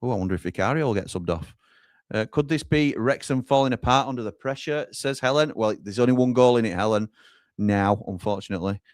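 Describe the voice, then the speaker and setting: A man's voice: mid-range voice, fairly quick, dry recording, clean studio sound. A man hosting a live football watchalong, reading out viewer comments and handing over to the lads at the grounds. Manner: reads out viewer comments and hands over to reporters. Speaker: watchalong host.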